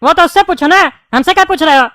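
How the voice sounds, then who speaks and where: A woman's voice: very high voice, fast, a bit bright, dry recording, clean studio sound. A woman voicing a quarrelsome bald male politician in a cartoon, speaking in a scolding, name-calling manner. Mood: taunting. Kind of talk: cartoon dubbing.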